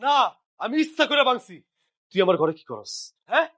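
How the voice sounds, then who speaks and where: A man's voice: very high voice, very animated, a little fast, heavily acted. An actor playing an angry suspicious husband who berates his wife harshly. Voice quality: harsh, shouting.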